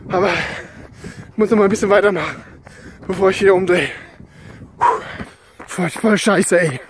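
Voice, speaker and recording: A man in his forties talking casually to his phone while out running, out of breath, in short broken bursts. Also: high voice. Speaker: sports vlogger. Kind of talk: casual selfie vlog, complaining frankly. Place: outdoors on a country path by open fields. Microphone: phone at arm's length. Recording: outdoor ambient noise.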